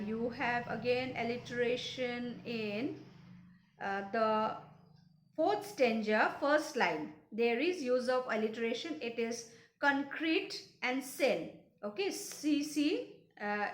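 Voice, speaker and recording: A woman with a fairly high voice teaches a poetry lesson, patiently spelling out words letter by letter and going over each point again. The sound carries a noticeable echo of the room around her. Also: a bit bright. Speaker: English teacher. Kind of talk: explaining a poem's literary devices.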